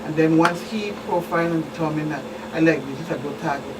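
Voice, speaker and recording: This police expert on a talk show has a low voice with fairly even intonation and talks fast. Her Virgin Islands Caribbean accent carries plain explanations driven by emphatic repetition, and a distant mic picks her up in a clearly noisy, humming room.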